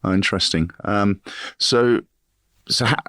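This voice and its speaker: A man with a very deep voice hosts a podcast interview in a dry, close recording. His questions run long and wind around, full of restarts and hesitations. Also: unhurried, fairly bright tone, no echo. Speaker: podcast host.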